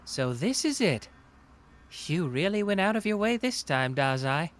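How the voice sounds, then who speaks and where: Here a man plays a confident, smug young genius detective in a scripted anime audio roleplay. His high, sing-song voice teases with self-assured, dramatic pauses while carrying a brooding, reflective mood.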